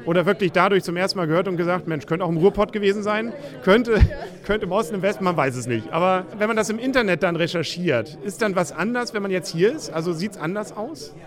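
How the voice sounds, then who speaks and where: A man's voice: sits high, fast talker. A man hosting a radio podcast, asking chatty, jokey questions in a street interview. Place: outdoors in a busy city. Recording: crowd noise behind. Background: crowd.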